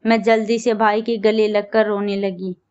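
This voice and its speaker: A woman telling a first-person story as narrator, reading at a steady, even pace. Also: mid-range voice, moderate pace, clear, resonant tone, lo-fi sound.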